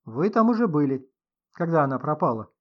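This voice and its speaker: A man's voice: fairly high pitch, very animated, fairly quick, highs cut off. A man reading an audiobook, voicing a sardonic, commanding host of a house. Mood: needling. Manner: ironic, commanding. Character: sardonic middle-aged male host of the house, mocking.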